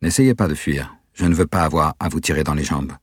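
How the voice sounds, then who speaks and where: A paranoid young stranger from a storybook reading, guarded and tense, weighing each word, as a male narrator puts him on. the voice sits very low, husky and dry. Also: a little fast, dry recording. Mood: threatening. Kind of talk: audiobook character voice.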